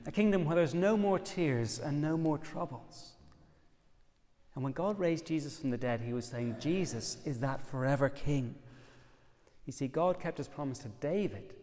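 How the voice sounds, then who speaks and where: A man with an Irish accent preaching an expressive, emphatic sermon, quoting scripture. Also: a little high, long reverb tail. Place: church.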